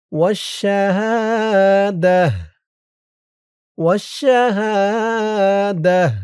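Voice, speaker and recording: A man's voice: fairly high pitch, darkish tone, no echo, clean studio sound. A man teaching Quran recitation step by step, patiently explaining pronunciation and repeating phrases for viewers to copy.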